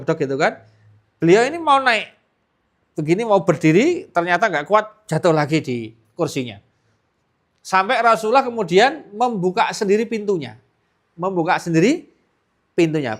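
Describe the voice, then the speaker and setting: A middle-aged man preaching with a fairly high voice. He tells a story with sudden leaps in pitch and loudness. He speaks straight to the people in front of him. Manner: animated storytelling, leaps in pitch and loudness, addresses listeners directly. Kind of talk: sermon to a live audience.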